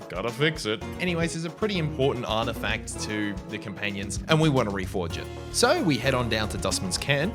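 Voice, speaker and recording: A man hosting a gaming video, delivering scripted commentary in a sarcastic, jokey manner with frequent swearing. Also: medium pitch. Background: background music.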